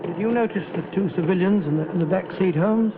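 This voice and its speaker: Old british doctor, genial storyteller, high creaky voice, thin old radio sound. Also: male voice, quick pace, narrow, tinny audio, noisy background. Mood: curious, friendly. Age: older. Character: elderly genial British doctor recounting his wartime adventures. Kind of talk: old radio drama acting and narration. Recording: thin band-limited old radio recording.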